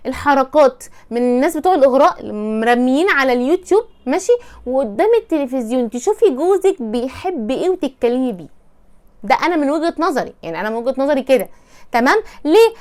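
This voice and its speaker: A woman with an Egyptian accent talks fast in a high voice, giving casual advice. She is chatty and keeps slipping into playful mock voices to act out small scenes. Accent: Egyptian Arabic. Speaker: advice presenter.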